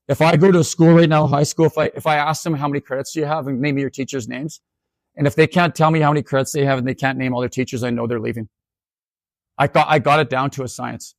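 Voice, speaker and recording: Gravelly-voiced man telling stories. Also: medium pitch, no room sound, clean studio sound. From northern Saskatchewan. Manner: animated, many restarts, acts out dialogue. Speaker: keynote speaker and educator. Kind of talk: storytelling keynote talk.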